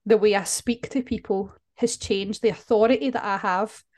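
A woman talks candidly as a podcast guest, earnest and open, her sentences often restarting. Her voice sits at a middle pitch. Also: steady tone, normal speed, a little mellow. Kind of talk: podcast conversation.

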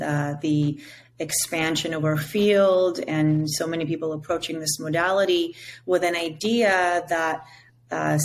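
Speaking from her home with a window onto jungle, an Israeli psychedelic integration coach whose native language is Hebrew appears as a podcast guest on a video call. Her low-pitched voice comes with a slight hiss or hum. In this reflective talk she's measured and searching, pausing often and using many fillers.

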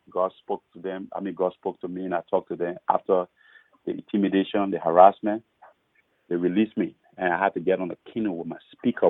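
A man's voice: low voice, breathy edge, no room sound. A man from Liberia, a pastor and author, earnestly telling his testimony in a podcast interview and often repeating his first words. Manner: earnest, repeats words when starting sentences. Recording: muffled phone-like line.

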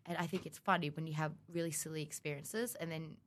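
Against a little hiss or hum, a young Australian student co-hosting a podcast tells stories fast in a low voice. She's a young adult, giggly and rambling, animated in casual chat.

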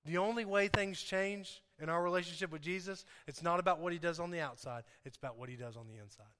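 Male preacher, high and forceful voice, informal but impassioned, hammering repeated phrases home to his congregation. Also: quick pace. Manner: informal, conversational asides. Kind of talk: sermon to a congregation.

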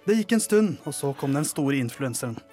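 A man's voice: mid-range voice, animated, dark tone, faint music behind. A man reading a comic modern fairy tale aloud as a host, playing the characters' lines with voices. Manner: storytelling with acted voices and laughs.

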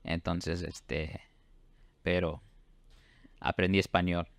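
A man's voice: low voice, flat delivery, slow pace, creaky, dry recording, studio quality. A man from Fort Worth hosting a casual interview, talking hesitantly with many fillers and restarts. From Fort Worth, Texas. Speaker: host.

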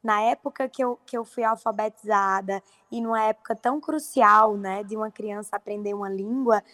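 A young actress from Paraíba, Brazil, with a Paraíba accent, talking earnestly in a casual interview with frequent fillers. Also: female voice, mid-range voice, fairly even intonation, moderate pace, fairly bright tone, no room sound. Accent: Paraíba Brazilian Portuguese. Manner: earnest, fluent, many fillers. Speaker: actress guest.

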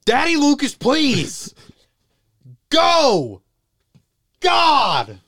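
A man playing an impatient young assistant in an improv comedy sketch, pleading to be let go and bursting into shouts. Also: mid-range voice, brisk, no room sound, clean studio sound, lightly acted. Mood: frantic. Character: young male assistant, impatient, desperate for the bathroom.

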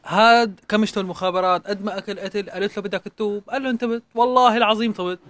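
A man tells jokes with a very high voice and quick pace. He acts out each quote as he goes. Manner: animated storyteller acting out quotes. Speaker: passer-by telling jokes. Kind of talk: joke telling.

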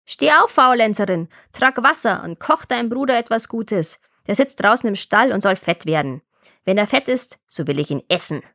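A woman's voice: fairly high pitch, animated, normal speed. A woman voicing a wicked old witch. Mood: harsh commanding. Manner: gruff, scolding, bossy. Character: wicked old child-eating witch, cunning and harsh. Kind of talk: storybook reading.

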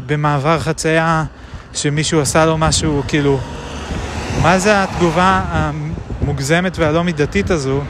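A man recording a reflective spoken diary outdoors, musing aloud with many pauses and hesitations. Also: fairly high pitch. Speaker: video diarist. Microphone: action camera. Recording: traffic noise outdoors.

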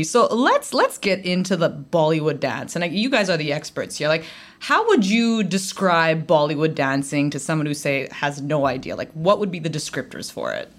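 A woman hosting a casual interview, chatty and enthusiastic, with frequent use of "like". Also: lowish voice. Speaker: interviewer, host.

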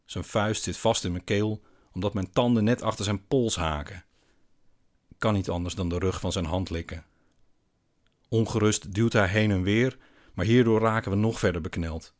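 A man narrating a first-person story in a dry, deadpan way. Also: sits low.

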